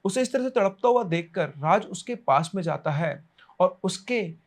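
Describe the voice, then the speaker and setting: A man narrating a horror story in a dramatic way, pushing suddenly ahead and then slowing down. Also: sits high, expressive.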